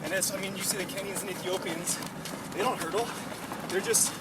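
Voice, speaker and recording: A man's voice: sits high, steady tone, fairly quick. A young American man in his twenties chatting casually and informally while running outdoors, in rambling sentences peppered with "like". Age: 20s. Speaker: runner and online running coach. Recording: distant mic, loud outdoor traffic noise.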